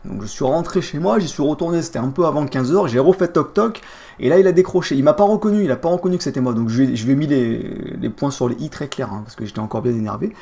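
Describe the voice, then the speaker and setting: Young male streamer, gravelly and quick, swearing through an angry casual rant. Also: medium pitch, warm tone. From France. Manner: vulgar, heated storytelling with street slang.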